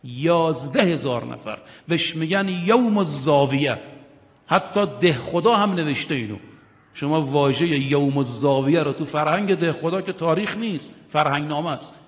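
Male preacher with a fairly high voice, delivering an impassioned sermon that swings from hushed to loud, recorded with long reverb in a large hall. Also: expressive. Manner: addresses listeners directly, urging and questioning. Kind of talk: religious sermon.

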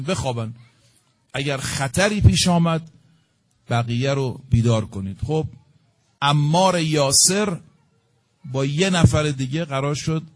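A man's voice: medium pitch, a little mellow. A middle-aged man giving a sermon, telling a story and acting out the dialogue with rising emphasis. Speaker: preacher.

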